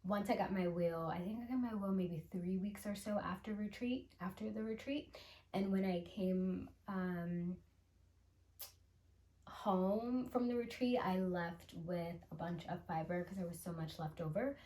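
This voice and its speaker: A woman hosting a casual show-and-tell vlog, chatty and unhurried, with soft laughs and fillers. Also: lowish voice, echoey room. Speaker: channel host.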